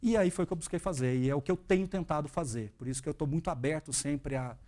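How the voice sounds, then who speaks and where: A man's voice: on the high side, fast. A man in his thirties from Brazil, a guest speaking earnestly and with animation about his path as an investment educator. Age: 30s. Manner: earnest, animated, quotes his own thoughts. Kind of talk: interview, reflective storytelling.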